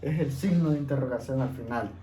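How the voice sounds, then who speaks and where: A man teaching an English class, explaining each step slowly and patiently and checking in with his students. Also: medium pitch, warm tone. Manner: patient, repeats steps, checks in with "¿ok?". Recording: echoey room, faint background noise.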